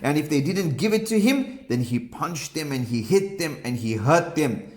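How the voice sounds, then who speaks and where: A man telling a moral story to children, slow and animated with frequent ums and pious phrases. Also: on the high side.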